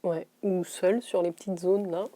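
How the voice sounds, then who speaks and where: A woman chatting casually as she unboxes beauty products, laughing to herself and reading labels slowly. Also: fairly low pitch, steady tone, warm tone. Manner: slows to read labels, drops to a whisper on names. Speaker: beauty vlogger.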